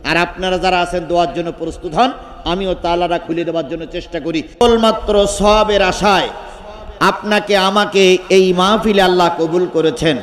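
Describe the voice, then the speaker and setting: A man with a high, ringing voice delivers a waz sermon into a microphone at an outdoor gathering. He tells stories with animated drive, shouts at the peaks and keeps questioning the crowd. The PA system leaves a long reverb trailing behind each phrase. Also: normal speed. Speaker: preacher.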